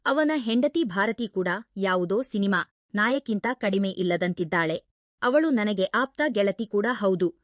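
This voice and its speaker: A woman narrates a first-person story at a mid pitch, in a steady, even storytelling read. The sound is dry and close, with no room around it. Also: no echo.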